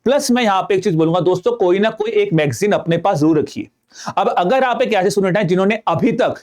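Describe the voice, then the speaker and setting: A man gives an online exam-preparation lesson in a fairly high voice. He talks to students like friends and raises their doubts in his own words before answering them. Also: darkish tone. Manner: conversational, addresses students as friends, asks and answers own questions. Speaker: exam prep teacher. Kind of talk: online lecture.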